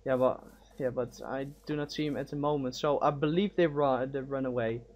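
A man's voice: medium pitch, fairly even intonation, brisk, a little mellow, a little hiss or hum. A man chatting casually with teammates while playing a game, often stammering and repeating words as he plans their next move. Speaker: game player. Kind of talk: casual team chat while gaming.

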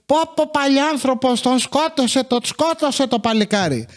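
A man doing a shrill nagging old granny. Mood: aghast. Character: fussy scolding old grandmother.

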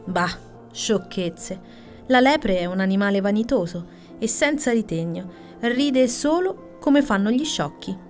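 A woman's voice: medium pitch, expressive, a little slow, soft background music, lightly acted. A woman voicing a proud, touchy old male hedgehog who answers in a huffy, indignant way in a bedtime story.

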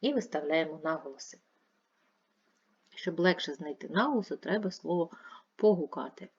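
A woman's voice: fairly low pitch, lively intonation, muffled recording. A woman teaching a video lesson for young children, dragging out syllables to show where the stress falls. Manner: clear, drawn-out stressing of syllables. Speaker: primary school teacher.

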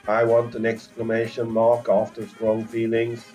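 A male English teacher giving an online lesson to young learners, speaking slowly and deliberately and modeling pronunciation for them to repeat. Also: mid-range voice, completely flat delivery, darkish tone, faint music behind, poor audio.

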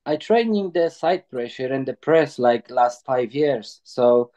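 A man joins the call from his phone, and his voice comes through dull and lo-fi. He talks in a halting way, often stopping to search for words as he answers. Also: medium pitch, animated, mellow. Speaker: guest athlete. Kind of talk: casual interview answers. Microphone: phone on a video call.

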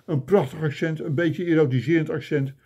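A man's voice: fairly high pitch, steady tone, a little fast, dark tone, breathy edge. An older man filming himself on a phone, delivering a mock-indignant comic rant full of grumbling complaints. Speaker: vlogger. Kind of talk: ranting comic monologue. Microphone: phone camera.

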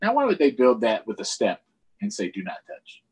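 A middle-aged man with an American accent reads a children's story expressively, with chatty explanations, over a computer or tablet video call from a small room at home. His medium-pitched voice is husky and darkish, with huge pitch swings and a moderate pace.

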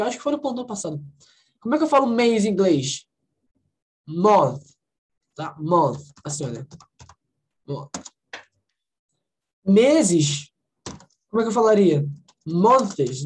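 A woman's voice: medium pitch, a little mellow, low-quality recording. Brazilian woman teaching English on a video call. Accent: Brazilian Portuguese. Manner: explains slowly, repeats English words, checks with students often. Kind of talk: online conversation class, explaining pronunciation.

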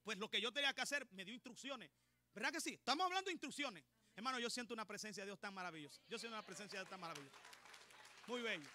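A man preaching a sermon with fervor, building up to shouting. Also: high-pitched, expressive, racing.

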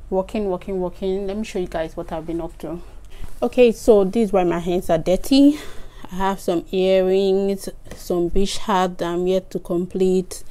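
A woman hosts a craft channel and talks through a sewing tutorial in a casual, chatty way, sounding tired. She repeats her instructions and keeps saying "okay" and "so guys." Her voice is mellow and fairly low in pitch.

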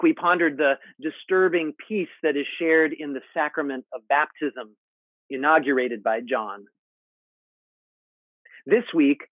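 Male pastor in his forties, slow and deliberate, slightly high voice, home sermon over a narrow, phone-like call. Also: no echo. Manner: measured, deliberate preaching with expressive hand gestures. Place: home study with bookshelves, indoors. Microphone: earbuds on a video call. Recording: phone-like narrow sound, dry.

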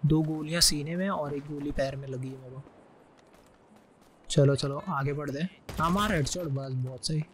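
A man giving live gameplay commentary, excitedly shouting quick callouts. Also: a little high, slight background noise. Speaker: gaming YouTuber.

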